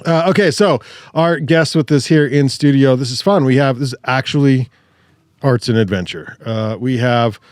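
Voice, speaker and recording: A man's voice: medium pitch, moderate pace, dry recording, clean studio sound. A man hosting a podcast, talking in a jokey, rambling way and often correcting himself mid-sentence. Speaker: podcast host. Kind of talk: casual chat. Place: podcast studio.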